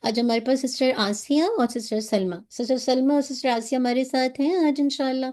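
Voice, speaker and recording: A woman teaching Quran recitation on a video call, explaining each sound patiently and modelling words slowly. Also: high voice, steady tone, mellow. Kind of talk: online tajweed class.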